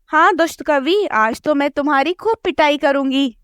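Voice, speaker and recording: A woman's voice: sits high, normal speed, a bit bright, no room sound, clean studio sound, voice pushed up. Woman doing a desperate cartoon mother sparrow. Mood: angry. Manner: sobbing, pleading.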